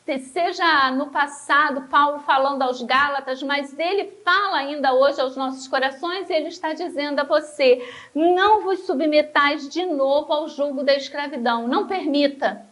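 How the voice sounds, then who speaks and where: A woman with a Brazilian Portuguese accent teaches a church Bible lesson, speaking emphatically, slowing down to stress key words, and calling her listeners brothers. Her voice is high-pitched with a fairly bright tone.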